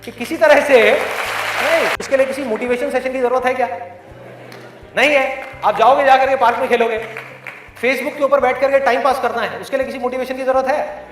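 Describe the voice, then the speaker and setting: A man with an Indian accent giving an emphatic, rhetorical motivational talk to students, swinging between loud and hushed. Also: very high-pitched, fairly even intonation, fairly quick, very echoey, recorded from a distance, music in the background, a crowd in the background. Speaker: motivational speaker.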